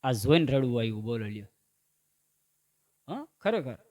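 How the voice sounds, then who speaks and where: A man's voice: mid-range voice, normal speed. A man telling folk comedy stories and acting out the quoted voices. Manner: animated joke-telling, acts out quoted voices. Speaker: stand-up comedian. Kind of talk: Gujarati folk comedy storytelling.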